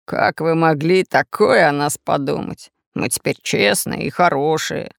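A woman voicing a scheming red-bearded male pirate who booms slowly in a low voice. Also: fairly even intonation, no echo, studio quality. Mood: gruff. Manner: deep gruff booming, slow.

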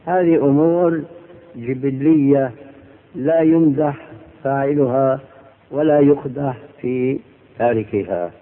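A man, a religious scholar, answering questions in a lecture, explaining points in a measured, deliberate way and stressing key words. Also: medium pitch. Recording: tinny old phone-like recording.

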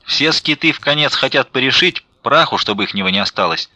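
A man's voice: medium pitch, animated, brisk, no room sound, voice pushed up. A man doing a furious domineering old-style father. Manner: shouting, domineering. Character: angry stern wealthy father, middle-aged. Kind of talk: audiobook reading.

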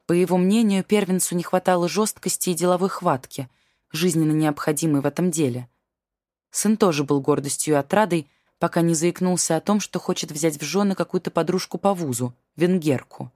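A woman with a very low voice reads a novel aloud as an audiobook narrator. Her delivery is measured and even. The recording is dry and close, with no room sound. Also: dry recording. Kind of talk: scripted narration.

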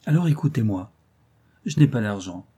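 A man's voice: mid-range voice, animated, normal speed, mellow, slightly rough. A man voicing a bold, cheeky poor kitchen boy in a storybook reading. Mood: eager. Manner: eager, cheeky.

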